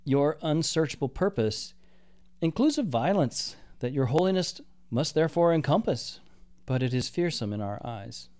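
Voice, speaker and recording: A man voicing a solemn, measured archangel captain who speaks in a formal, archaic way. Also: on the high side, animated, darkish tone, natural voice.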